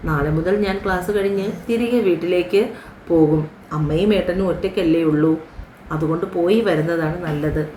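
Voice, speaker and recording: A woman's voice: fairly low pitch, normal speed, mellow, slight background noise, natural voice. A woman voicing a chatty young female friend with a playful, confiding manner, recorded in a roomy room.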